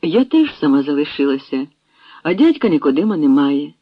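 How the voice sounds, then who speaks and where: An emotional young noblewoman, voiced by an audiobook reader, breaks into eager, lively exclamations. The sound is dry and dull, like a lo-fi audiobook. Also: medium pitch, fairly quick, husky, no room sound. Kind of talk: audiobook reading.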